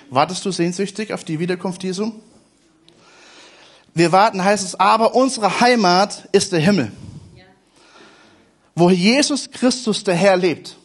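A man preaching a sermon to a congregation, emphatic and repeating phrases for stress. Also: high voice.

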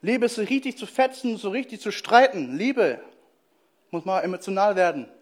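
A man with a notably high voice preaches to his congregation in a relaxed, direct way, peppering his talk with casual interjections. When he quotes scripture he slows down and lets his voice sink low. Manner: casual and direct, addressing the listener as "du" with frequent "hey"; slows down and drops his voice for quoted Bible verses. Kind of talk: lively sermon to a congregation.

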